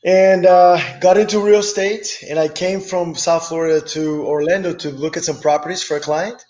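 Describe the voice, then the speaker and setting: A middle-aged man who grew up in Brazil, guest in a casual interview, relaxed and enthusiastic with hesitant restarts. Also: high voice, normal speed, muffled recording. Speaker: guest, business owner.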